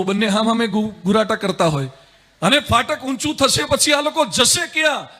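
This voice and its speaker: High, bright-voiced monk telling stories. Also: male voice. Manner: lively storyteller, rhetorical and humorous. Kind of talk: spiritual discourse with anecdotes.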